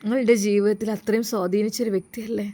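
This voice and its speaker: A woman with a Malappuram Malayalam accent voicing a gentle, wounded young wife who speaks softly and respectfully. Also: mid-range voice, fairly even intonation, quick pace, close to an everyday voice. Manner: soft, respectful, self-reproaching.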